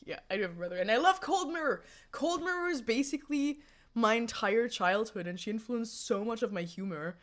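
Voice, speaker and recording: A brisk, fairly high-voiced woman in her twenties streams live from a room at home, speaking into a USB condenser mic on her desk. She's giggly, jokey and animated, laughing often as she answers viewer chat casually.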